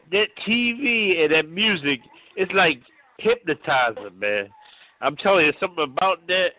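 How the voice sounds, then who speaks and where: A male radio caller heard over a narrow, tinny phone line. His voice sits a little high. He talks casually and stumbles over the starts of his sentences. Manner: halting, repeats words when starting sentences. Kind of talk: casual call-in chat.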